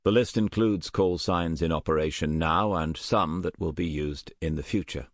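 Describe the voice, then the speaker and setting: Earnest german defector officer, read by a man, careful polite answers, low voice, audiobook. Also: moderate pace, dry recording, clean studio sound, lightly acted. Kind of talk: audiobook character voice.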